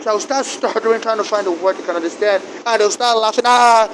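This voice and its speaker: A man whose first language isn't English speaks fast with a Nigerian accent, relating a personal grievance in a fairly high voice. His sentences stumble, repeat and restart over steady, loud traffic, and the recording is rough.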